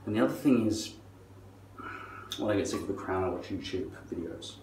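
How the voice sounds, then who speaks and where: A middle-aged man with a low voice rambles through a sardonic, foul-mouthed rant. He drags some words out and punches others. He sounds distant from the microphone, with roomy echo around him. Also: brisk, creaky. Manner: sardonic, profane. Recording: distant mic, roomy echo, faint noise.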